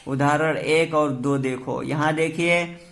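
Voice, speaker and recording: A man teaching English grammar in with words, explaining step by step and reading the English examples out very slowly. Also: a little high, fairly even intonation, gravelly, fairly bright tone. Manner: slow, deliberate, reads English examples very slowly. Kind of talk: grammar lesson explaining sentence rules.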